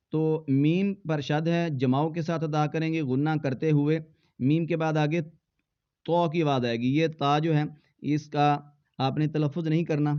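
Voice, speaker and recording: A man teaching Quran recitation who spells words out letter by letter and then chants them slowly in a drawn-out voice. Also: a little high, clear, resonant tone. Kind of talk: slow spelled-out recitation lesson. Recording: dull lo-fi sound.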